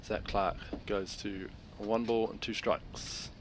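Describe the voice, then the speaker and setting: A man's voice: lowish voice, steady tone, slow pace, gravelly. A man calling live baseball play by play as a broadcast commentator. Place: outdoor baseball stadium broadcast. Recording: background ambient noise at ballpark.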